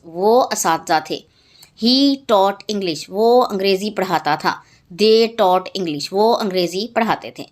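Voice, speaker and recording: A woman teacher, reading English textbook answers slowly and translating each line. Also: medium pitch. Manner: reads English lines slowly, then translates. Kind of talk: textbook lesson explanation.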